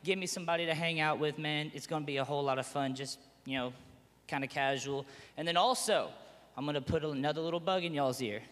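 A man giving church announcements from the front of a sanctuary, chatty, upbeat and excitable. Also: a little high, quick pace, long reverb tail. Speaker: church pastor.

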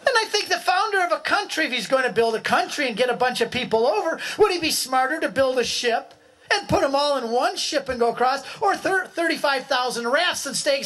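Animated older man telling a story. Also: very high voice. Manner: animated, acts out voices. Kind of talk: storytelling talk.

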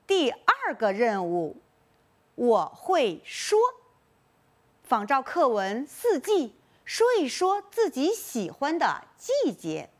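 Woman, primary teacher in a recorded lesson; high, very animated, coaxing. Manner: lively, coaxing classroom delivery with drawn-out task titles. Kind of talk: recorded online lesson for first graders.

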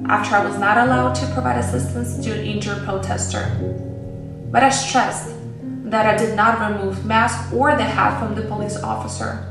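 Earnest woman in an echoey room. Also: a little high. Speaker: nurse telling her story. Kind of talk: first-person testimony, read statement. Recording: echoey room from a distance, music underneath.

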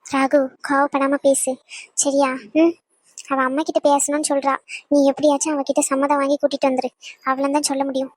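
Brief: woman as a persuasive young cartoon friend, high voice, dry close sound. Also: flat delivery, a little fast, dry recording, close to an everyday voice. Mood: coaxing. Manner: coaxing, persuasive.

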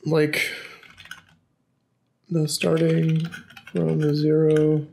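Slow, gravelly young man streamer. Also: a little high, completely flat delivery, a little mellow, a little hiss or hum. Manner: slow, halting, thinking aloud with many fillers. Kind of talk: casual live-stream commentary.

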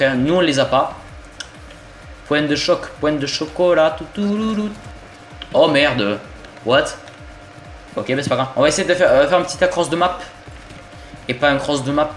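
A young man from southern France with a southern French accent, giving excitable, swearing gameplay commentary as he plays an online shooter. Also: medium pitch. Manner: excitable, swears often, jokey asides. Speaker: gaming YouTuber. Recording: roomy home recording with game music.

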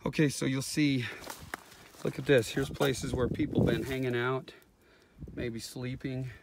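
Very loud wind batters the phone microphone as a video host walks a rocky mountaintop, narrating unscripted on a handheld phone. His mid-range voice barely shifts in pitch, runs a little slow, and has a creaky quality.

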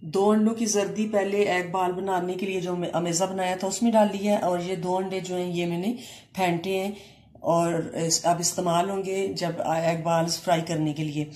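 A woman walks through a home recipe in a calm, step-by-step way, pausing briefly between ingredients. Her voice sits fairly low for a woman. The room is echoey, with a faint hum of ambient noise behind her. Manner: calm, step-by-step explaining with Urdu-flavoured words and short pauses. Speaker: cooking channel host. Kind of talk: home cooking demonstration.

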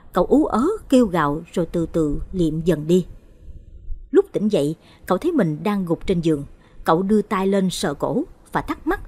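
Husky woman narrating a horror story. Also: lowish voice. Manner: expressive, dramatic storytelling.

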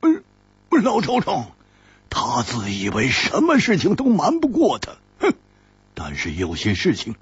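A man voicing a carefree young swordsman who drinks hard, speaking softly and hesitantly. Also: on the high side, wildly swooping pitch, measured pace, slightly rough, no room sound, heavily acted. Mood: gentle. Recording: dull lo-fi recording.

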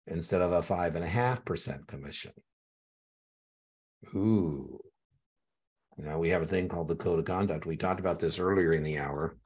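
A man's voice: sits low, breathy edge. A middle-aged man tutoring a student for an exam in a chatty way, repeating key points and telling anecdotes. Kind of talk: one-on-one tutoring session.

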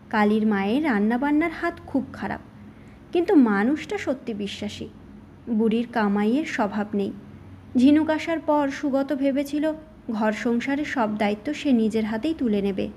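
Woman storyteller reading an audiobook story, high voice, steady and measured. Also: a little hiss or hum. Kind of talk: audiobook short story narration.

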